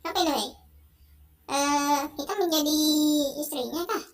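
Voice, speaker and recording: High-voiced excitable gaming host. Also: normal speed. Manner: excitable, frequent exclamations. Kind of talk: gaming commentary.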